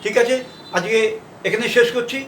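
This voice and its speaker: A man's voice: very high voice, moderate pace, fairly bright tone, a little hiss or hum. A man with a Bengali accent teaching shorthand, dictating sentences word by word and spelling out letters. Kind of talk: slow dictation lesson. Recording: echoey room, mic far off.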